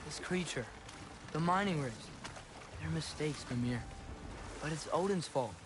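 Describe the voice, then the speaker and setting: A man's voice: on the high side, measured pace, very noisy, lightly acted. An actor voicing an earnest, curious young male hero in a video game.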